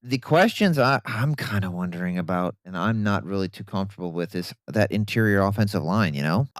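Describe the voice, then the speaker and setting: A man co-hosting a casual sports podcast, opinionated and animated, breaking down football players with the odd bit of sarcasm. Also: low voice, brisk, no echo. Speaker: podcast co-host.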